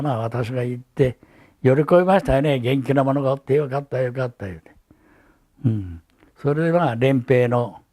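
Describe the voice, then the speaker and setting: An elderly man with a Hiroshima accent gives oral testimony as a survivor, telling his memories in a halting, reflective way. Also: mid-range voice, warm tone. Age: elderly, 80s or older. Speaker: atomic bomb survivor giving testimony. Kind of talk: recorded oral testimony, reminiscing.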